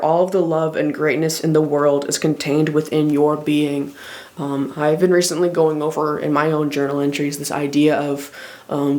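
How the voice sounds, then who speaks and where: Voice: mid-range voice, darkish tone. A tarot reader giving a love reading to viewers, talking reflectively, often checking in with "right?", and reading guidebook text aloud between personal comments. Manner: reflective, coaching tone with frequent "right?" check-ins.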